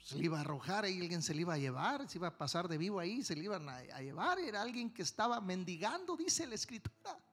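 A male pastor preaching a sermon with passion, swinging between quiet stretches and sudden loud outbursts. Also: sits high, very animated, fast, hardly any pauses, faint music behind.

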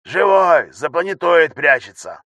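A frantic young ship technician barks reports over the intercom in a high, gravelly voice that is bright and sharp, as a male narrator puts him on. The delivery is shouted and rapid, and the recording is dry and close. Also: big pitch swings, no echo, exaggerated voice. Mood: shouting urgently.

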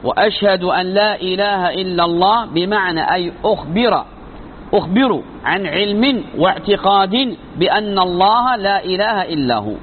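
High-voiced man lecturing over tinny line. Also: expressive, normal speed. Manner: emphatic, poses rhetorical questions and answers them. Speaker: sheikh teaching creed. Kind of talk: religious lecture. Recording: phone-like narrow sound with faint noise.

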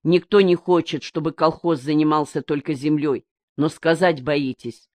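A woman reading an audiobook gives voice to a blind village man who speaks bluntly and calmly. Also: sits low, normal speed, dry recording, clean studio sound, natural voice. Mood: defiant. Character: blind old village man, calm and stubborn.

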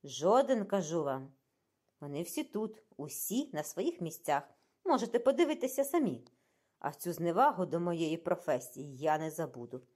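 Huffy old doctor, indignant, storybook reading, voiced by a woman, animated delivery. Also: on the low side, moderate pace. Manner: huffy, offended. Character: fussy, indignant older German ship's doctor.

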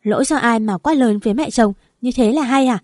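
A woman's voice: a little high, fast talker, dark tone, dry recording, studio quality, natural voice. A woman reading the part of an indignant, nagging mother-in-law in an audio story. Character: scolding older mother-in-law.

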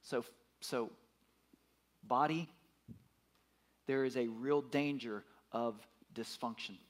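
A man's voice: medium pitch, takes it slowly. A man in his fifties preaching a sermon, emphatic, repeating his words and putting questions to the congregation. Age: 50s. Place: church.

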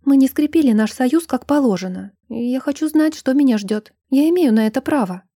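A woman's voice: high voice, lively intonation, fairly quick, warm tone, slightly rough, no room sound, clean studio sound, pitched above the performer's own voice, exaggerated voice. A woman voicing a frightened young bride. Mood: anxious, pleading. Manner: pleading, anxious, a little breathless. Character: frightened sixteen-year-old bride, tense and pleading. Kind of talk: audiobook character reading.

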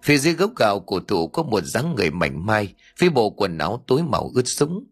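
A man's voice: lowish voice, big pitch swings, fast, slightly rough, soft background music. A man narrating a scripted ghost story in a dramatic, tense storytelling manner.

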